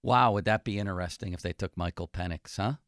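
A man with a fairly low voice hosts sports talk radio from a studio, closing out a guest call and chatting with his co-host. He moves through sponsor tags in a breezy, practiced way. The studio sound is close and dry. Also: dry recording. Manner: breezy, reads sponsor tags in quick succession. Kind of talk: casual radio hosting and live ad reads.

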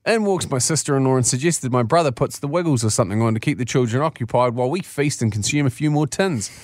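A man's voice: mid-range voice, fast, darkish tone, no room sound, studio quality. A man with a New Zealand accent hosting a radio show, reading out listener messages and bantering in a jokey, blokey, colloquial way.

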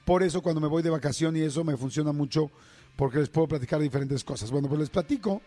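A man's voice: a little high, fast talker, soft background music. A middle-aged man with a Mexican Spanish accent, hosting a show and chatting casually as he tells listeners a story, acting out the voices and screams. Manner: chatty, animated, acts out screams and quotes. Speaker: radio show host.

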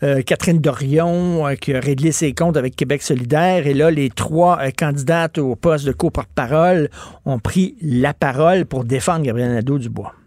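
A man's voice: on the high side, normal speed, darkish tone, no echo, clean studio sound. A man with a Québécois accent co-hosting a political talk show, mostly chiming in with short agreeing remarks. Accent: Québécois French. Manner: agreeable, short interjections, hesitant.

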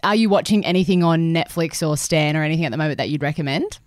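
A woman's voice: low-pitched, fast, no echo, clean studio sound. A woman hosting a podcast interview, chatty and friendly in her questions. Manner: chatty, many fillers and restarts. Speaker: podcast host. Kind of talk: casual interview.

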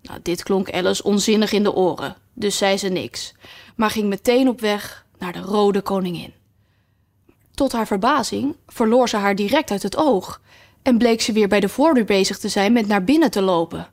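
A woman narrating a children's story aloud in a calm, even reading manner. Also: medium pitch, moderate pace. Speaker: audiobook narrator.

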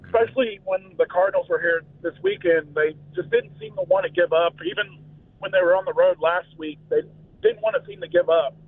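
A man calling in to a sports radio show, slightly hoarse, talking in an excited, rambling way with fillers. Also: high-pitched, a little fast. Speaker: caller. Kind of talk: casual call-in chat. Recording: tinny phone line.

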